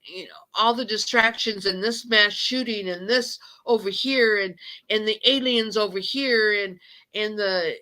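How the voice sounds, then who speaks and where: A woman's voice: medium pitch, unhurried, bright, forceful tone, low-quality recording. A woman hosting her channel, speaking emotionally in an impassioned monologue that keeps stumbling, repeating and restarting. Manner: ranting, repeats itself and restarts sentences. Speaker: channel host. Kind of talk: impassioned monologue on a live chat.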